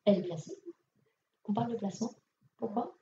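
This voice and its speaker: French medium, casual, in an echoey hall. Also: female voice, medium pitch, big pitch swings, a little fast, warm tone, a little hiss or hum. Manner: casual, direct, many fillers. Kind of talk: public mediumship reading. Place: conference hall. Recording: echoey hall, distant lo-fi mic.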